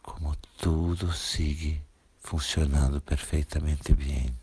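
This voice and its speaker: A man leading a guided meditation in soothing, gentle, repeated instructions, pausing between short phrases. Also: rumbling low, steady tone, breathy edge. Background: music with singing bowl tones.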